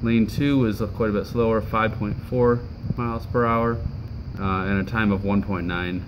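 A man's voice: on the low side, normal speed, background noise. A man casually walking through his homemade project in a basement, filming on a handheld phone, with lots of ums and uhs. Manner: relaxed, explanatory, many ums and uhs. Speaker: hobbyist maker demonstrating his build. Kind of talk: casual show-and-tell walkthrough. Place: home basement, indoors. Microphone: handheld phone camera.

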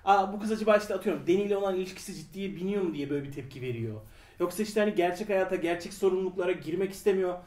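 A man talks in quick, rambling bursts, full of fillers, in a high register. He sits back from the microphone, and the room adds a clear echo. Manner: animated, rambling with many fillers. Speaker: podcast co-host. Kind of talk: casual review chat. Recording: roomy echo, a bit far from the mic.

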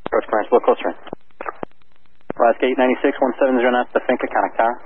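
A man's voice: mid-range voice, fairly even intonation, rapid-fire. A man working as an approach air traffic controller, giving clipped instructions over an aircraft radio with static. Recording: narrow radio band with faint static.

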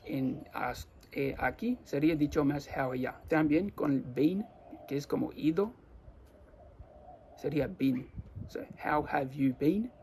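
An Australian man with an Australian accent, explaining everyday phrases to viewers in slow, careful non-native Spanish and repeating his examples. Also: a little high, lively intonation, a little mellow, a little hiss or hum. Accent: Australian English. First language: English. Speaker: language teacher.

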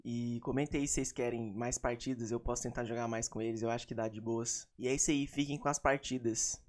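Um jovem de Goiás com sotaque goiano, contando uma partida de jogo em tom de vlog descontraído, cheio de gíria e risadas. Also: male voice, medium pitch, fairly quick. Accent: Goiás Brazilian Portuguese. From Goiás, Brazil. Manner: slangy, laughing, animated retelling. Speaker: gaming YouTuber. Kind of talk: casual vlog storytelling.

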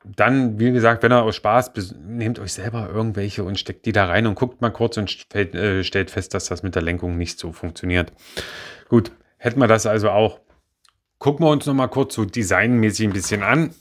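A man's voice: fairly low pitch, moderate pace. A young man casually reviewing a toy car model, rambling with many fillers and self-corrections. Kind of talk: casual spoken product review.

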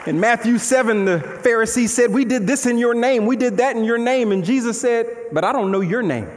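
Preaching briskly from a large church stage, a young man with a strikingly high voice walks around and gestures, keeping his sermon conversational and lively with rhetorical questions. The big hall's reverb lingers, a faint crowd is audible, and there's slight hiss or hum.

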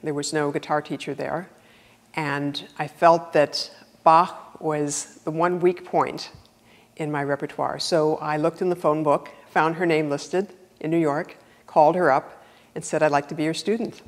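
A woman's voice: low voice, steady tone, a little slow, big-room sound. A woman in her fifties, a guitarist and former student, telling affectionate anecdotes in a personal testimonial. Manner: warm storytelling, affectionate.

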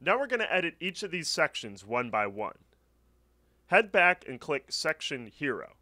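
A man's voice: on the high side, sing-song, moderate pace, bright, forceful tone. A man narrating a scripted step-by-step website setup walkthrough as a voice-over. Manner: clear step-by-step instructional. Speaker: tutorial narrator. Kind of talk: scripted screen-recording walkthrough.

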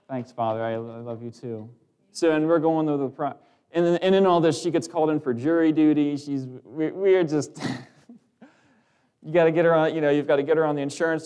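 A man's voice: medium pitch, darkish tone. A man preaching to his congregation, telling a family story loosely with restarts and small laughs before turning to scripture. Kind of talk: sermon with personal testimony.

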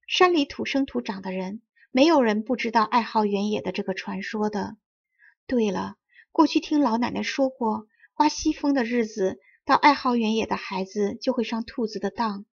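Husky woman reading a storybook. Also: on the high side, dull audio. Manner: clear, carefully enunciated reading. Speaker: audiobook reader. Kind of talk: storybook narration.

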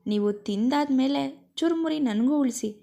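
An eager young bride, bright and bubbly, with excited questions that lift up high in her voice, as a woman storyteller puts her on. Her voice stays warm and mellow at its core, giving her a soft, youthful glow. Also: unhurried, creaky. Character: cheerful playful young bride.

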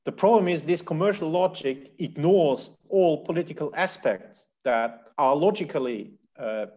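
A man speaking as a policy analyst on a discussion panel, measured and analytical, often pausing and restarting his sentences. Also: fairly high pitch, expressive, a little mellow. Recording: muffled lo-fi audio.

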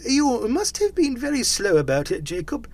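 High wobbly old miser voice, timid, pleading, husky, storybook style. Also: male voice, huge pitch swings, moderate pace, darkish tone, full character voice. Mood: meek, puzzled. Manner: faltering, high-pitched, deferential.

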